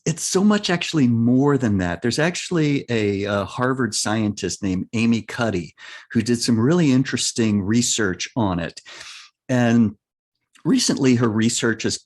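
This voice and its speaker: A man's voice: medium pitch, darkish tone. Earnest man explaining with "right?" check-ins. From United States. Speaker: life and business coach. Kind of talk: interview guest, conversational explaining.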